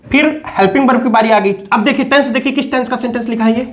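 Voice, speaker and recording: A man's voice: extremely high pitch, fast. A male teacher giving a classroom-style grammar lesson, explaining step by step and often asking questions to check understanding. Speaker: English teacher.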